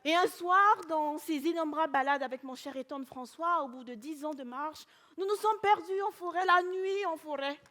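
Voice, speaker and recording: A woman comedian with an Ivorian French accent, telling a story on stage in a playful, animated way. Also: high voice, moderate pace, hardly any pauses. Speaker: stand-up comedian.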